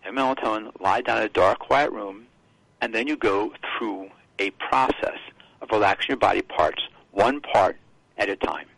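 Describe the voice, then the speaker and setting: A man talking as a health guest on a radio show, explaining in a halting way with restarts. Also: on the low side, gravelly, fairly bright tone, no echo, low-quality recording.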